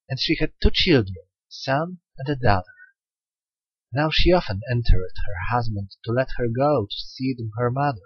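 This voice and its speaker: Husky man reading a folktale. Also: mid-range voice, no echo. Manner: expressive reading with occasional slips. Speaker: audiobook narrator. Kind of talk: folktale audiobook narration. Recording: dull lo-fi recording.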